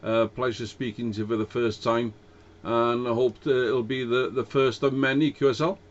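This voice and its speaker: This is a casual ham radio exchange from a man with a mid-range voice, fairly even intonation and a moderate pace. He comes across as hesitant and courteous, using a cheap dynamic mic whose signal reaches us as dull, lo-fi radio audio.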